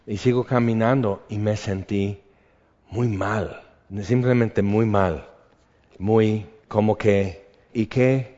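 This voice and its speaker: A man preaches in a low voice, moving between a personal story and Bible reading. He talks conversationally and often drops to quiet asides. The recording sounds dull, with long hall reverb. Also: fairly even intonation, slow pace. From rural upbringing.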